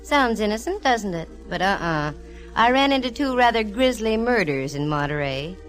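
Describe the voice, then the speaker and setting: In a 1940s radio drama, an actress plays a witty, self-assured female private detective, narrating in first person with wry, teasing, confiding banter. Her mid-range voice has lively intonation, normal speed and a lightly acted feel. The vintage radio audio has music behind it.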